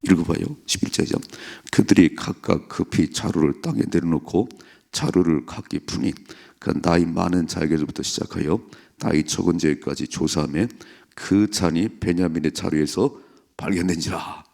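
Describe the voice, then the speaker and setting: A male pastor preaching at an early-morning prayer service, animated, acting out what people said and putting rhetorical questions to the congregation. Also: deep voice, moderate pace, vocal fry. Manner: animated, acts out quoted speakers. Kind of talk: dawn prayer sermon.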